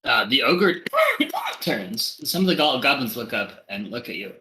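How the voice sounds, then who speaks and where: Lively male game master in a roomy space. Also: medium pitch, measured pace, a little hiss or hum. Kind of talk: narrating a tabletop game.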